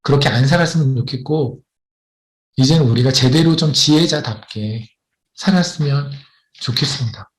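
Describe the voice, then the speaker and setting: A man's voice: medium pitch, moderate pace. A man preaching a sermon as a missionary, telling a personal story and asking emphatic questions.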